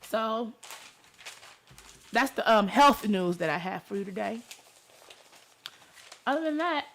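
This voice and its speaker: A woman from Detroit hosts a casual talk show in a Detroit accent, talking directly to listeners in a somewhat high, fairly bright voice with vocal fry. She is animated but slow, and there's slight background noise.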